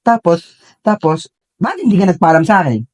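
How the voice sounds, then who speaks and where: A man's voice: high voice, animated, fairly quick, a little mellow, slight background noise. A man vlogging at home in a bedroom with his small child, teasing and joking while stuffy with a cold. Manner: playful and teasing, laughs often. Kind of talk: casual home vlog.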